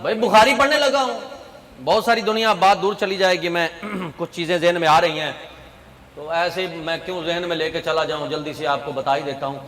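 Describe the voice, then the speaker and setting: Emphatic Punjabi-accented preacher in an echoey hall. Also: male voice, a little high, steady tone. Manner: emphatic, swings between soft asides and shouted points, sings verses. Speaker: Islamic preacher. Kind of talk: sermon.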